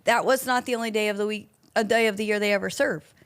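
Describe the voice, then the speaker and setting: A woman's voice: medium pitch, steady tone, fast talker. A woman in her thirties, a pastor co-hosting a casual podcast, teasing her co-host and laughing often. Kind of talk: casual chat.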